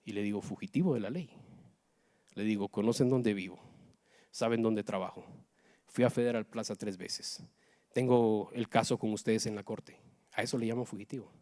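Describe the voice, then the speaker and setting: A middle-aged man from Guatemala, giving an emotional personal testimony in church that swings between hushed and loud. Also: fairly low pitch, fairly even intonation, normal speed, long pauses.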